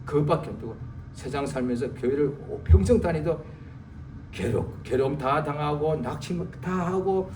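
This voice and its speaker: A male pastor preaching a sermon in a church, dramatic, swinging from loud exclamations to low muttered asides. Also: moderate pace, slight background noise. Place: church sanctuary. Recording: echoey church hall, distant mic.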